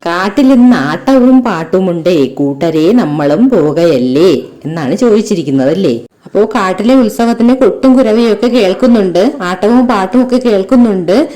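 A woman teacher with a warm, soft-edged voice reads a children's textbook lesson aloud. She moves through rhythmic verse and then turns to the children with simple questions. She speaks to them fondly and directly. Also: medium pitch, animated, moderate pace. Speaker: primary school teacher.

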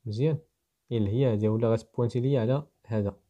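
Fast-talking Moroccan man teaching code. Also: medium pitch, dark tone, highs cut off. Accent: Moroccan Arabic. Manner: walks through code step by step, thinks aloud. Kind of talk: explaining programming to students.

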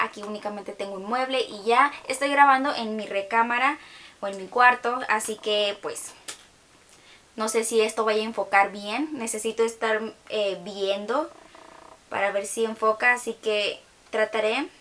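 A woman's voice: a little high, fairly bright tone. Chatty young woman. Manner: chatty, with hesitant fillers. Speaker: makeup tutorial host. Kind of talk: casual makeup tutorial talk. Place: her bedroom.

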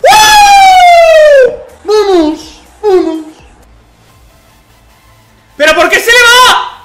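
A man with a Spain Spanish accent doing live football video game commentary as a streamer, swinging between muttering and shouting, swearing and talking to himself and his viewers. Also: very high voice, extremely slow, a faint crowd. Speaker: gaming streamer. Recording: echoey room with music behind.

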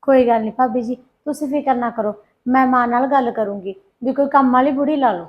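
A woman's voice: high-pitched, a little fast, lo-fi sound, close to an everyday voice. A woman playing a kind, reassuring young law student. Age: young adult. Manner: reassuring, friendly, soothing. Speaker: daughter in a family short film. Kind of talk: amateur family drama acting.

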